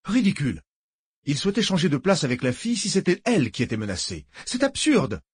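A man's voice: fairly high pitch, sing-song, normal speed, a little mellow, no room sound, studio quality, pitched above the performer's own voice. A man voicing a cold, impatient billionaire who speaks in a curt, clipped way.

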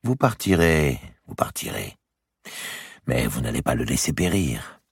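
A man's voice: extremely low pitch, big pitch swings, measured pace, creaky, husky, no echo, clean studio sound, full character voice. A man reading the part of a noblewoman who firmly and insistently persuades a grieving girl. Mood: urgent coaxing. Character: noble older woman, firm, coaxing, protective. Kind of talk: audiobook character reading.

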